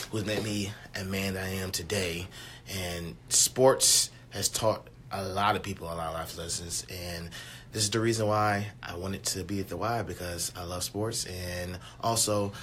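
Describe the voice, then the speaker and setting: A man's voice: deep voice, fairly bright tone, a little hiss or hum. A young man from Richmond, guest on a podcast, speaking earnestly with many fillers and repeated phrases. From Richmond, Virginia. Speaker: YMCA sports director, guest. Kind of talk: casual interview.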